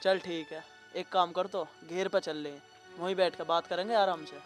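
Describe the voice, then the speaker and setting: A man as a high-voiced coaxing village lover. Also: fairly even intonation, moderate pace, faint music behind, close to an everyday voice.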